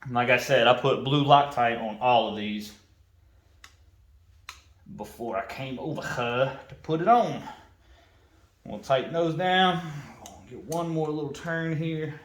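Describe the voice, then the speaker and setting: A man's voice: mid-range voice, unhurried, long pauses, roomy sound. A man who is a mechanic talks casually through a motorcycle parts install, half-whispering to himself as he works. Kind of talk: casual how-to while working.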